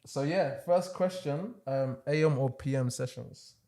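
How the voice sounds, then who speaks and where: A young man who hosts a podcast and works as an online fitness coach chats casually in an interview. He's relaxed and loose, laughing often and using plenty of fillers, with a mid-range voice at a measured pace.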